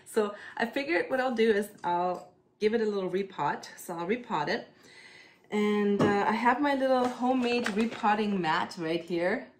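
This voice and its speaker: A plant care vlogger from Germany chats casually with a German accent while tending her plants at home, using lots of ums and "kinda." Her mid-range voice has lively intonation and a moderate pace, with slight background noise.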